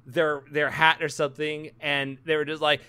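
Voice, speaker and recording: A man's voice: on the high side, little pitch movement, normal speed, bright, forceful tone, clean tone. A man co-hosting a comedy podcast, rambling and joking, laughing often and swearing casually. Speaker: podcast co-host.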